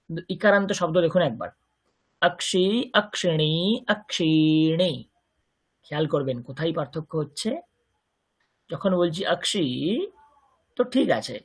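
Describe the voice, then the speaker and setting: A man's voice: sits high, slightly rough. A man with a Bengali accent teaching a Sanskrit grammar lesson, patiently explaining and repeating words for his students. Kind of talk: online language lesson.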